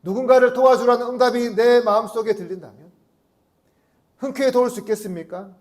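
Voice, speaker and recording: A man's voice: extremely high pitch, fairly quick. A male pastor preaching a Sunday sermon, often putting rhetorical questions to the congregation and acting out short prayers and dialogue in his own voice.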